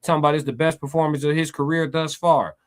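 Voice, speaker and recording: An American man giving excited, emphatic fight commentary and casual stream chat, repeating phrases and swearing freely. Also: on the high side, fast.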